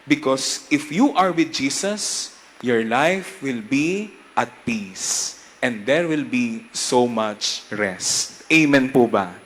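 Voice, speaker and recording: Man, Filipino accent, young priest, homily, coaxing call-and-response, slightly high pitch, lively swings in loudness. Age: young adult.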